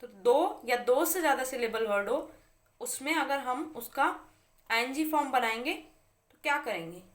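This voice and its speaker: A woman's voice: sits high, expressive, measured pace. A woman teaching English spelling rules in Hindi, stressing example words and asking and answering her own questions.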